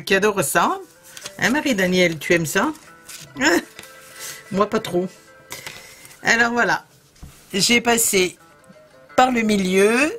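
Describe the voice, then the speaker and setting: A woman with a southern French accent walks viewers through a craft project in a casual, chatty way. She hesitates often and leans on little fillers as she works. Faint music plays softly behind her. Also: mid-range voice. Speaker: crafting video host.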